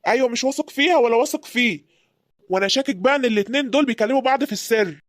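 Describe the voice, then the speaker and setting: A woman with an Egyptian accent voicing a jealous, suspicious young husband in an animated story, demanding and accusing. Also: fairly high pitch, very fast, background noise, lightly acted. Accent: Egyptian Arabic.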